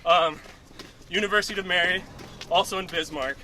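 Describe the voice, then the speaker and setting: A man's voice: high-pitched, a little fast, pushed and bright, faint music behind. A man hosting a casual interview outdoors while he runs along. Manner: talking while running. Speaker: interview host. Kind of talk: casual chat. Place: outdoors on a run. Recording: distant mic, faint outdoor noise.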